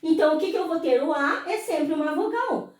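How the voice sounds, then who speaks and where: A woman teacher with a Brazilian Portuguese accent, explaining slowly, drawing words out and answering her own questions. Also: high-pitched. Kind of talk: slow explanatory lesson. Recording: very echoey room, voice far from mic.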